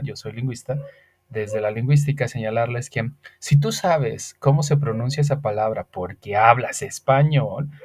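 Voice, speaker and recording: A man's voice: medium pitch, darkish tone. A man whose first language is Spanish, teaching an English grammar lesson. He explains patiently, step by step, and asks rhetorical questions.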